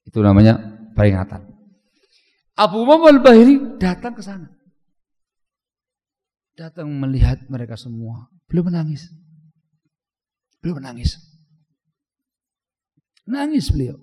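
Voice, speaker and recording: A man preaching a sermon, telling a story in a lively way that swings from loud emphasis to hushed asides. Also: a little high, measured pace, long pauses. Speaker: Islamic preacher. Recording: long hall reverb.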